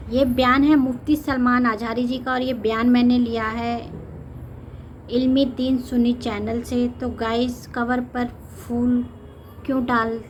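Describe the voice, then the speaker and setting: A woman's voice: fairly high pitch, a little hiss or hum. A woman with an Indian accent opening her reaction video in a casual, friendly way and asking viewers to subscribe. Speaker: reaction channel host. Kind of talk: casual vlog intro.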